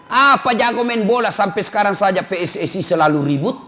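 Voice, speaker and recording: Male preacher, high and very lively pitch, jokey sermon style. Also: fairly quick, soft background music. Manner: animated, jokes and acts out dialogue. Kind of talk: humorous sermon.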